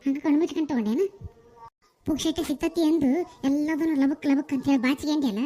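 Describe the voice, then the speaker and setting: A woman plays a sharp-tongued neighbour woman in a cartoon comedy, speaking with a North Karnataka accent. She scolds and taunts without a break. Her voice is high yet mellow and dark in tone. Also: quick pace, lightly acted. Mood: scolding. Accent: North Karnataka Kannada. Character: nagging neighbour woman who complains about the noise.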